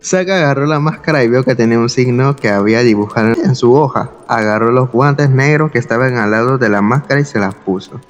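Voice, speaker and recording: A man's voice: mid-range voice, brisk, hardly any pauses, long reverb tail, faint music behind. A man reading a horror story aloud, breaking off to mock the writing with joking asides. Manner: mocking, laughs at and comments on his own old writing.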